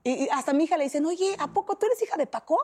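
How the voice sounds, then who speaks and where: A woman's voice: sits high, very fast. A woman in her thirties with a Mexican accent, telling a personal story as an interview guest, acting out the voices of others. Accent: Mexican Spanish. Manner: animated, acts out quoted voices.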